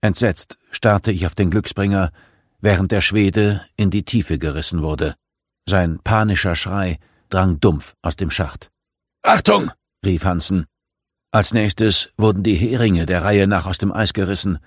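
Male audiobook narrator, low register, dramatic first-person reading, dry close-mic sound. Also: measured pace, no echo. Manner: dramatic reading, raising pitch for shouted lines.

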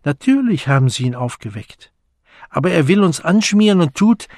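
A man's voice: on the high side, big pitch swings, moderate pace, darkish tone, no room sound, studio quality, pitched above the performer's own voice. Man voicing a young woman, clever, sure of herself, emphatic, storybook. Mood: eager.

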